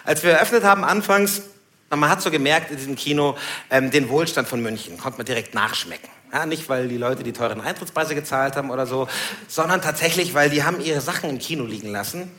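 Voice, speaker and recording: A man doing stand-up, telling a story in a lively, self-mocking way and laughing at his own jokes on a live stage. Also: fairly high pitch, fast. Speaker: stand-up comedian. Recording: echoey live venue, background noise.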